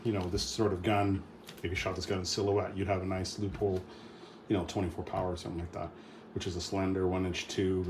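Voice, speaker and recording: A middle-aged man with a low voice talks through a casual vlog update. He rambles, restarting sentences and filling gaps with ums and uhs. A faint hum of room noise sits behind him. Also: darkish tone. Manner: rambling, with many fillers and restarts. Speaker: firearms channel host.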